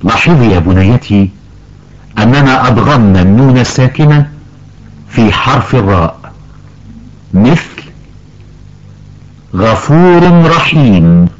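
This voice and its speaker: A man playing an elderly grandfather who patiently teaches Quran recitation rules to his granddaughter, slowly drawing out example words. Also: medium pitch, background noise, lightly acted. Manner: slow, careful explaining, stretches out example words. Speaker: tajweed teacher. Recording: dull lo-fi recording.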